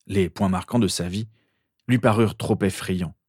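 A man's voice: low-pitched, steady tone, normal speed, a little mellow, no room sound, studio quality. A man reading a story aloud, narrating the scenes between the dialogue. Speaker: reader.

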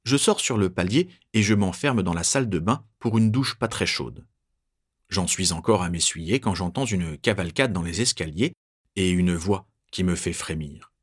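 Low, husky male narrator. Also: expressive, moderate pace. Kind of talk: first-person audiobook narration.

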